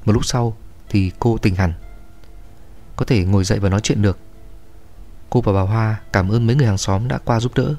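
A man narrating a horror story in a steady, measured way. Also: fairly low pitch, faint music behind.

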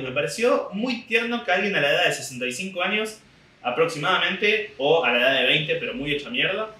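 The audio is low quality and echoey, captured from afar by a desk mic on a stand and a distant camera in a small indoor home room. A young adult comic podcaster with an Argentine Spanish accent tells a meandering, funny story casually, in a fairly high, sharp voice.

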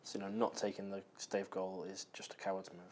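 Low-voiced male game commentator. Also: level tone, a little fast, crowd noise. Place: indoor studio.

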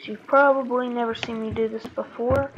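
Woman gamer, somewhat high voice, rambling let's-play chat, voice going hoarse, dull noisy home mic. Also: fairly even intonation, a little fast. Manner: rambling, self-correcting, chatty. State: losing her voice. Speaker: gaming YouTuber. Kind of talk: casual Minecraft let's-play commentary. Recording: dull lo-fi mic with clear background noise.

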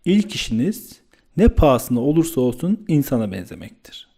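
Guy doing a loud bossy young friend, scolding, mellow voice but pushed louder. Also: mid-range voice, big pitch swings, normal speed, creaky, husky, exaggerated voice. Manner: forceful, scolding, raised voice. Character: young man, loud, blunt, hot-tempered friend.

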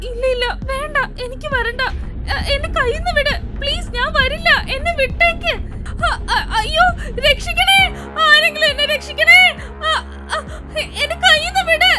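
A woman's voice: very high-pitched, brisk. A woman voicing a frightened young wife who believes a ghost is calling her. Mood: terrified. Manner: fearful, pleading. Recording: music behind voice.

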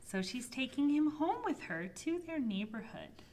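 A woman librarian reading a picture book aloud to toddlers, gently and expressively. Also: sits high, a little slow, a little hiss or hum. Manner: gentle, expressive storybook reading with soft voices for characters. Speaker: children's librarian. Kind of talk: toddler storytime read-aloud.

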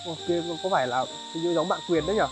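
A man hosting a charity vlog outdoors in a highland village, talking politely to viewers with many fillers. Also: fast, music in the background, rough recording. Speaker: charity vlogger. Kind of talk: vlog narration and chat on location.

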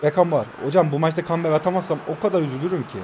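A man's voice: a little high, rapid-fire, a little hiss or hum. A man in his twenties commentating his own mobile football match, calling out player names and chatting to viewers, holding his voice down at night in his new home. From Turkey. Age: 20s. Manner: excitable, shouts player names, talks to viewers. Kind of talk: live gameplay commentary.

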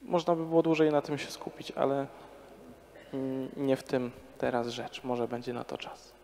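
A priest in his thirties preaches a conversational parish sermon to a congregation in a large church, using rhetorical questions and a handheld microphone. His mid-range, slightly mellow voice keeps fairly even intonation at a moderate pace, and the recording has long church reverb.

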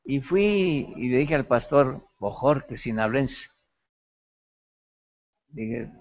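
A man preaches in a lecture, telling his story with laughter and lively feeling. His voice sits at an ordinary middle pitch. The recording is dull and lo-fi, like an old classroom tape. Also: slow pace. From Mexico. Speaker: pastoral ethics teacher. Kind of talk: sermon-style lecture.

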